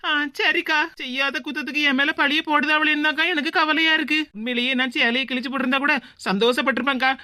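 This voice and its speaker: A woman voicing a meek young daughter-in-law in a cartoon, with a Tirunelveli Tamil accent, speaking in a soft, pleading way. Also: high-pitched, fairly even intonation, fast talker, few pauses, no room sound, clean studio sound. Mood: worried. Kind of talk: cartoon voice acting.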